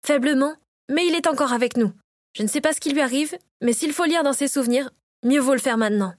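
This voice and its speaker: Higher-pitched, firm ex-war nurse, as a woman reads her, practical, storybook audiobook. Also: quick pace, close to an everyday voice. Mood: urgent. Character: former war nurse, brisk and determined woman.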